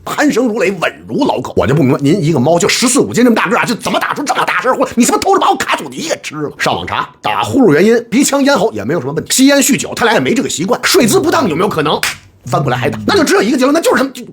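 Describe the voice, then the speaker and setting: A man with a Beijing accent and a husky voice, delivering a scripted comedic rant as a vlogger, wisecracking and mock-exasperated. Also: high voice, wildly swooping pitch, very fast, faint music behind. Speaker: pet vlogger.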